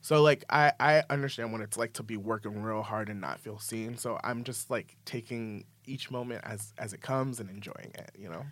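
A man telling stories in a casual podcast chat, animated and full of likes and ums. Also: lowish voice, moderate pace, hardly any pauses, dry recording. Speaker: podcast producer guest.

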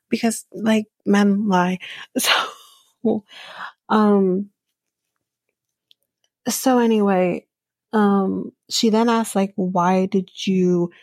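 Slow, gravelly-voiced opinionated woman. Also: mid-range voice, a little mellow, no echo. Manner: opinionated, chatty, frequent "like" and "um", laughs at her own asides. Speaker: podcast host recapping a reality show. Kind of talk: casual chat.

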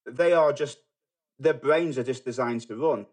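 Halting Manchester man, lots of restarts. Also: mid-range voice, darkish tone, breathy edge. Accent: Manchester English. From England. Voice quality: halting, many restarts and fillers. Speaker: guest. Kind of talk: casual podcast conversation.

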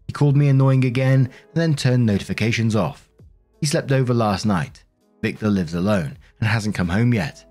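Guy reading out reddit drama and giving his blunt take, soft music under it. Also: mid-range voice. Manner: reads posts aloud, then reacts bluntly. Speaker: story narrator. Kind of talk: reading Reddit stories with commentary.

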